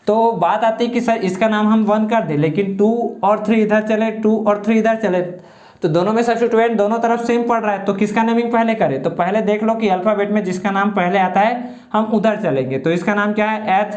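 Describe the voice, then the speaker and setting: A man teaching a chemistry lesson, asking questions and answering them himself while stretching out key terms. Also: sits high. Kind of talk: classroom lecture with call-and-response. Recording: roomy, muffled lo-fi sound.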